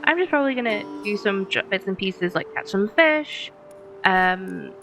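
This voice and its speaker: Let's play host, woman, mid-pitched, casual and chatty, thinking aloud and laughing at puns. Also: animated, normal speed, a bit bright, soft background music. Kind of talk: casual gameplay commentary.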